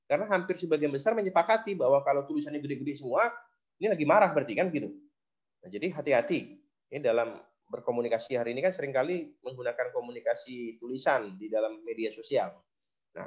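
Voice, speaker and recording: A man giving a recorded lecture on logic, explaining step by step with frequent fillers. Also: medium pitch. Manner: explanatory, many fillers like "nah" and "gitu". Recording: dull lo-fi recording.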